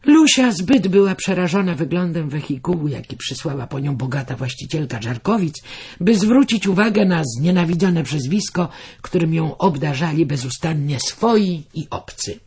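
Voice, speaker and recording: A man reading a novel aloud as an expressive audiobook narrator. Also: on the high side, normal speed, slightly rough.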